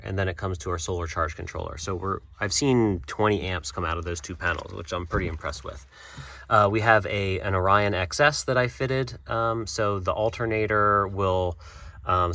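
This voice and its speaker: Man, bright voice, fairly low, laid-back job walkthrough, lots of fillers. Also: no room sound. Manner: relaxed, with frequent fillers and restarts. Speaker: installer. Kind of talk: casual walkthrough of an installation.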